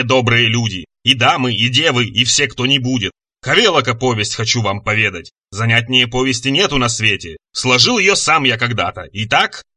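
A man voicing a huge, boastful scaly monster that roars its lines slowly and menacingly. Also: mid-range voice, breathy edge, dry recording, heavily acted. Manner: roaring, loud, slow and menacing.

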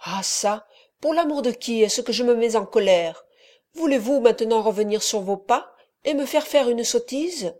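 A woman voicing a furious, rash young man who declaims loudly and heatedly, in a mellow reading voice. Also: a little high, expressive, normal speed, close to an everyday voice.

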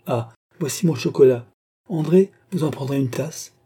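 Audiobook casting: man doing a playful, imperious young queen, voice lifted high, dark and a little husky. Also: moderate pace, close to an everyday voice. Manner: exuberant, raised pitch. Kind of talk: audiobook reading.

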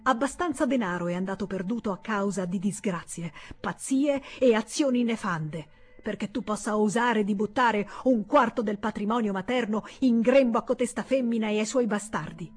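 A woman reading aloud voices a stern middle-aged male senator who thunders threats at his brother, her voice a little husky. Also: mid-range voice, lively intonation, normal speed, darkish tone. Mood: furious.

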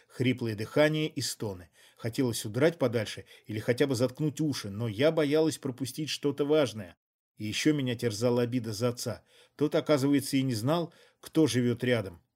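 A man reading an audiobook in even, measured scripted narration. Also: medium pitch.

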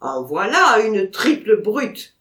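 A woman voicing an exasperated, blustering male gamekeeper with loud, drawn-out exclamations. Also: mid-range voice, sing-song, reverberant.

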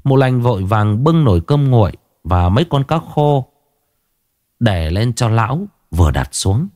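Expressive male horror storyteller. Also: mid-range voice, unhurried, no room sound, studio quality. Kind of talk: scripted horror narration.

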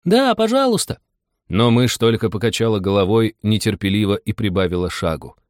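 A man reading a children's storybook aloud in an expressive, animated way. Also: fairly low pitch, a little fast, no room sound, studio quality. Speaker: audiobook reader. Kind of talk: storybook narration.

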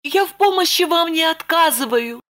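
A woman voicing an anxious, fretful young woman in an audiobook, speaking high and flustered. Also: lively intonation, unhurried, fairly bright tone. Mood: fretful, pleading. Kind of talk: audiobook character voice.

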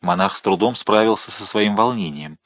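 A man narrating a novel in a steady, measured audiobook reading. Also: fairly low pitch, dry recording. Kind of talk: scripted narration.

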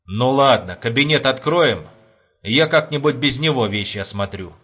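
A man's voice: medium pitch, expressive, moderate pace, a bit bright, breathy edge, lo-fi sound. A man voicing a furious, foul-mouthed army major who barks orders in an audiobook. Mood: angry. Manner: barking, commanding.

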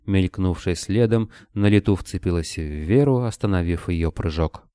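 A man narrating an audiobook in a steady, measured reading. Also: sits low, clean tone, dry recording, clean studio sound.

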